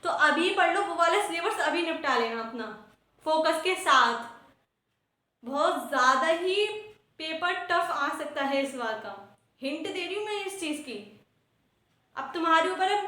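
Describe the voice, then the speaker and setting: A woman playing a weary female schoolteacher who chats and complains about her workload. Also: close to an everyday voice. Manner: chatty, complaining, sighs into low trailing remarks. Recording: very echoey room.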